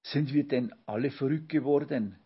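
A man's voice: normal speed, slightly rough. A man voicing a shrieking old female creature grandmother, on a dull lo-fi recording. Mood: shocked. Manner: shrill exclaiming.

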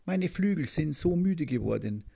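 A man's voice: fairly high pitch, animated, moderate pace, creaky, mellow, slightly rough, voice pushed up, heavily acted. A man doing a small chirping bird. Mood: pleading.

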